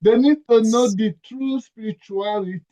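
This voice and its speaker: Through dull, lo-fi call audio, a guest with a Nigerian accent speaks at normal speed in a high-pitched, mellow voice. It's a conversational video-call interview, and he's earnest and emphatic, frequently repeating what he says.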